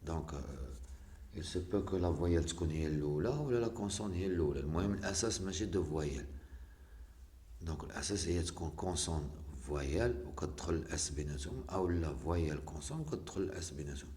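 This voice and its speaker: A man with a Moroccan accent teaching a spelling lesson to schoolchildren, explaining slowly and repeating words, switching between French and Moroccan Arabic. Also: low-pitched, animated, warm tone, roomy sound.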